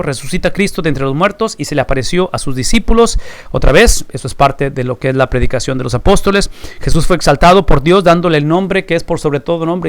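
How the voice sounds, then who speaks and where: A man teaching a recorded Bible class, emphatic and fond of rhetorical questions he answers himself. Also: fairly high pitch.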